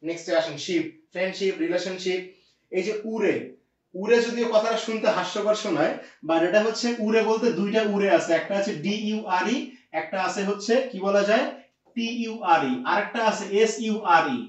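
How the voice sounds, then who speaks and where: A man with a high voice teaches an English grammar lesson at a moderate pace, explaining step by step. He often throws rhetorical questions at his students, and the room sound is echoey, distant and lo-fi.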